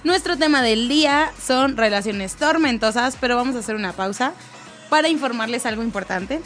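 High-voiced Mexican woman radio host. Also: animated, a little fast, fairly bright tone, soft background music. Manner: chatty, laughs often, storytelling. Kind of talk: live radio banter.

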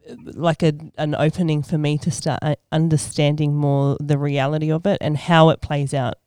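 Thoughtful woman from Australia, smooth voice. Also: low-pitched, flat delivery, moderate pace, warm tone, no echo, studio quality. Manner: thoughtful, hesitant, many ums. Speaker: podcast guest. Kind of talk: casual podcast chat.

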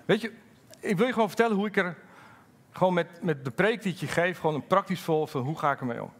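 A middle-aged man preaching a sermon as pastor, lively and candid, moving between loud emphasis and quiet, halting personal asides. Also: high-pitched. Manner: candid, halting storytelling with fillers.

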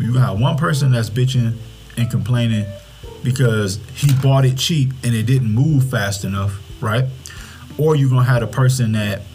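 A man's voice: mid-range voice, a little mellow. A man talking off the cuff about the market as a retail investor, blunt, slangy and cocky, repeating phrases for emphasis. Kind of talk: casual off-the-cuff market talk.

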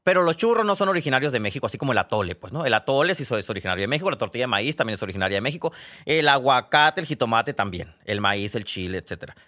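A man with a Mexican accent talks through a podcast episode in a casual, rambling way. He stops to restart and correct himself often. His voice sits at an ordinary middle pitch. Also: big pitch swings, rapid-fire, bright, forceful tone. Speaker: podcast host. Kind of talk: casual storytelling monologue.

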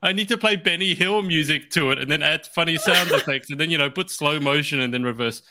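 A man's voice: a little high, brisk, pushed and bright. A man hosting a casual interview in a jokey, teasing way. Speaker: interview host.

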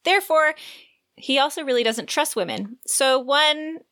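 A woman with a high-pitched, animated voice co-hosts a book podcast, sounding pushed and bright while keeping a measured pace. She switches between chatty conversation and reading a synopsis from prepared notes.

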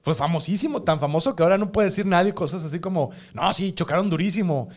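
Mexican male co-host, high lively voice, playful chatter. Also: quick pace. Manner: playful, animated, jokey asides. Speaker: podcast co-host. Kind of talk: casual chat.

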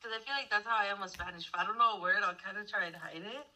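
A woman's voice: medium pitch, racing, pushed and bright, poor audio. A young woman in casual chat with friends, bubbly and talkative. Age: young adult. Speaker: co-host.

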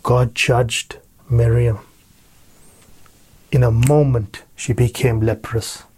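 A male preacher who speaks very slowly and deliberately, leaning on repeated phrases for emphasis. His voice sits at an ordinary pitch for a man. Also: flat delivery, darkish tone, husky. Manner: slow, deliberate, emphatic repetition. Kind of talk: sermon with scripture reading.

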